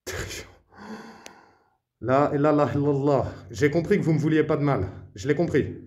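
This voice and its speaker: A man from Morocco narrating a night exploration of an abandoned house, speaking in hushed tones, often whispering and murmuring Arabic invocations. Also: a little high, normal speed. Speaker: paranormal explorer.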